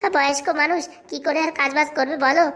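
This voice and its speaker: A woman's voice: sits high, steady tone, fast talker, a bit bright. Woman voicing a meek, hapless husband. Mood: placating. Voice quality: placating. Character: hapless young husband, mild and placating. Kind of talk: cartoon voice acting.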